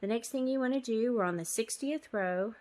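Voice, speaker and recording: A woman's voice: a little high, brisk, darkish tone. A woman giving a casual step-by-step knitting tutorial, chatty and apologetic, with frequent ums. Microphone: phone.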